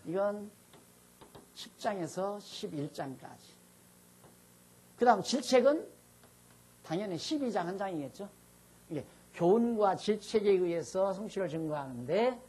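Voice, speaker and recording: A man's voice: high-pitched, lively intonation, normal speed, slightly rough. An older man, a pastor, giving a chatty, self-reflective Bible lecture while seated before a class. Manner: chatty, self-reflective, sometimes mimics shouting preachers. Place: seated, speaking informally to a class.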